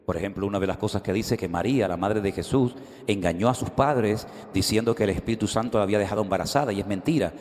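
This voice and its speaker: A man's voice: fairly low pitch, quick pace, darkish tone. A middle-aged man preaching a sermon, telling stories animatedly and acting out the dialogue. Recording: reverberant hall.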